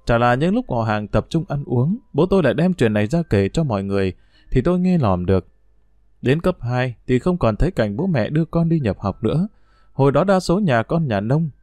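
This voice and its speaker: A man's voice: mid-range voice, dark tone, no echo. A man narrating a first-person story in a wry, reflective, conversational way.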